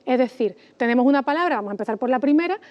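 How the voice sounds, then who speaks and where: A woman explains grammar rules on an educational TV program. She speaks patiently and deliberately, and stretches stressed syllables to demonstrate them. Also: sits high, expressive, muffled recording. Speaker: language expert guest.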